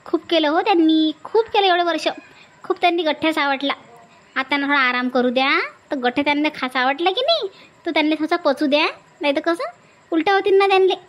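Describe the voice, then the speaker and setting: A woman's voice: high voice, fast talker, natural voice. A woman playing a bossy village woman who keeps nagging her sister-in-law in a comedy skit. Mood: coaxing. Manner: insistent, scolding, repeats urgings. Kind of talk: comedy sketch acting.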